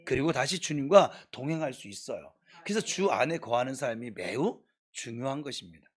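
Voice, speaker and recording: A male pastor delivering an evening prayer sermon in church, exhorting his congregation and swinging between soft explanation and scolding outbursts. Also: medium pitch, animated, brisk.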